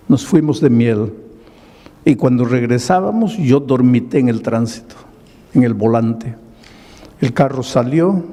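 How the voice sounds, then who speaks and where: Male pastor, slow and mellow, dramatic sermon storytelling, big reverberant hall. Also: medium pitch. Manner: slow, dramatic retelling with quoted dialogue. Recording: long reverb of a large hall.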